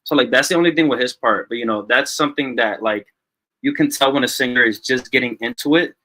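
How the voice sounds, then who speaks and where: A man's voice: medium pitch, quick pace, bright, forceful tone, rough recording. A man giving loose, chatty feedback on a song during an online review stream. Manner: loose and chatty, leans on "you know what I'm saying". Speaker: music reviewer. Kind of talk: casual review chat on a live stream. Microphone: online call.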